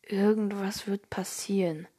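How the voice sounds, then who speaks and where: A woman's voice: mid-range voice, expressive, moderate pace, close to an everyday voice. A serious, wary older boy speaks in an earnest, slightly reproachful tone, as a woman reads him out in a storybook. The voice stays close to a natural reading voice. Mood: muttering.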